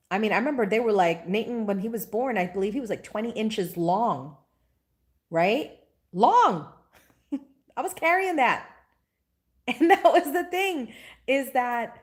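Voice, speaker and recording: A chatty woman talks straight to her live-stream audience in an animated, personal way. She has a voice of middling pitch, and she breaks off now and then to greet viewers by name. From Guyana. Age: 40s. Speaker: spiritual teacher. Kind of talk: casual live-stream chat.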